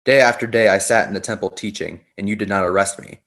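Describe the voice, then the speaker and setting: A man reading the part of Jesus, a calm accused teacher, in a measured church readers theater style. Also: fairly low pitch. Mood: solemn.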